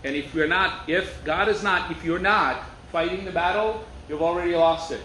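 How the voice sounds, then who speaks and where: A man's voice: high voice, normal speed, pushed and bright. A man from Turkey preaching in a conversational, storytelling way, asking rhetorical questions. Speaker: pastor. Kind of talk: sermon. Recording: echoey room with faint noise.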